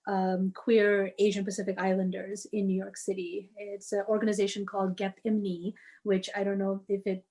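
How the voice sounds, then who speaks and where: A woman's voice: mid-range voice, monotone, moderate pace, hardly any pauses. A woman in her forties from the Washington, D.C. area, telling her family story in a casual, tentative way with frequent fillers. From United States, D.C. area. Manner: tentative, many fillers, warm laughs. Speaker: podcast guest sharing her story.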